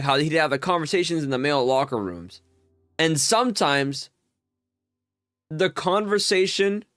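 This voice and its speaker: A man's voice: medium pitch, no echo, studio quality. A young man streaming a Minecraft game, casually telling a long story, full of fillers and laughing exasperation. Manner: rambling, filler-heavy, exasperated laughing retelling. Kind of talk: casual storytelling while gaming.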